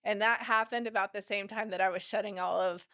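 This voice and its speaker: A woman's voice: medium pitch, fairly even intonation, fairly quick, bright, forceful tone. A woman, a business owner and podcast guest, telling her story in casual, frank conversation. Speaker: guest entrepreneur. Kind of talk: casual interview chat.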